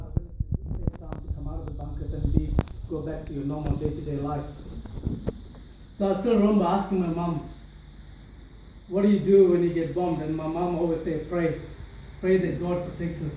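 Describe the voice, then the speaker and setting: This young Sri Lankan speaker's voice is a little high and warm as he earnestly recounts his personal testimony to a large-room audience, restarting often and leaning on fillers. The recording has a little hiss or hum, with an echoey hall sound that places him far away.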